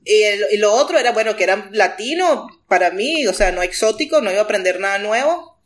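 A woman's voice: mid-range voice, expressive, fairly quick. A woman from Venezuela with a Venezuelan Spanish accent, talking casually and rambling with lots of fillers as an interview guest. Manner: chatty, rambling, frequent fillers.

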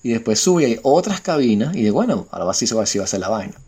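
A man with a Venezuelan accent rattles through a story at a rapid clip in a middle-pitched voice. He acts out what each person said, swears freely and laughs along the way. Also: big pitch swings, a little mellow, husky. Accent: Venezuelan Spanish. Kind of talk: casual anecdote among friends.

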